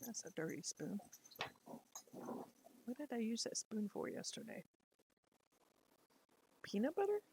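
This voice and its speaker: A woman's voice: fairly high pitch, unhurried, gravelly, pauses often, background noise. A middle-aged woman chatting casually to camera at home, rambling and laughing often. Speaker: lifestyle vlogger. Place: at home, indoors.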